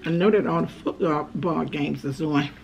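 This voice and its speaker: Woman in her 50s w gravelly voice, talking w mouth full, casual eating vlog at home, bit noisy. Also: low-pitched, moderate pace, darkish tone. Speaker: mukbang vlogger. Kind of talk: casual chat while eating. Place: dining room at home, indoors. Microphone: camera on the table at arm's length.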